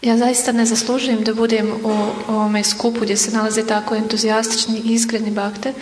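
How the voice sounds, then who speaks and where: Female interpreter, native Croatian, fairly high even voice, hesitant delivery, noisy reverberant hall. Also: fast talker. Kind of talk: consecutive interpreting of a religious talk.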